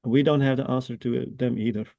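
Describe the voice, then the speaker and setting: Gravelly, dark-voiced man sharing earnest views. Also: medium pitch, steady tone, dry recording. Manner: earnest, measured, with hesitant fillers. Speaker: scrum trainer and guest. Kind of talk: online webinar discussion.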